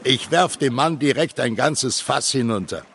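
An actor playing a practical, generous seafarer with a heavily gravelly voice in a comic audio drama. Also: male voice, medium pitch, animated, unhurried, a bit bright, slight background noise. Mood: hearty. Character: practical, generous seafarer with beer barrels aboard.

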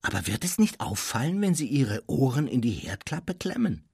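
A polite, unsure boy wizard, as a storybook narrator voices him speaks in a lively voice that shifts up and down. He is hesitant and courteous, and his tone is slightly husky and sounds close and dry. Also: medium pitch, normal speed, no echo, voice pushed up, heavily acted.

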